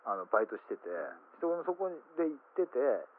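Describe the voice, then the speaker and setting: A man host telling an animated story on a casual radio talk show. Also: a little high, a little fast. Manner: animated storyteller acting out quoted voices. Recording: narrow phone-like radio sound.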